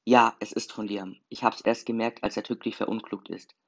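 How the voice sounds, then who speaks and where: A man voicing a subdued young woman, the late brother's girlfriend, in a steady, low-key way. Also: normal speed, dull audio.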